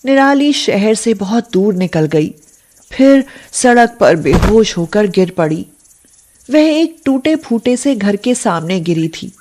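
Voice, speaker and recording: Woman, narrator, scripted story narration, steady, plain delivery. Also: mid-range voice, slow pace.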